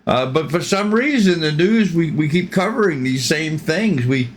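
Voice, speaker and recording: A man's voice: on the high side, expressive, moderate pace, slight background noise. An older man hosting a reaction channel, giving rambling, opinionated commentary with frequent ums.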